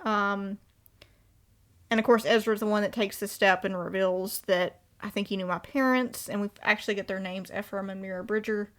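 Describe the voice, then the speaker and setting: A woman's voice: medium pitch, little pitch movement, moderate pace, a bit bright. A woman co-hosting a casual fan chat, recapping the story with fillers and growing emotional. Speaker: podcast co-host.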